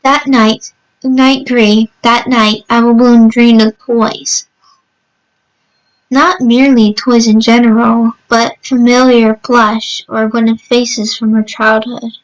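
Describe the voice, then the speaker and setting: A woman narrating a scripted horror story, reading haltingly and often repeating words as she goes. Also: on the high side, flat delivery, rough recording.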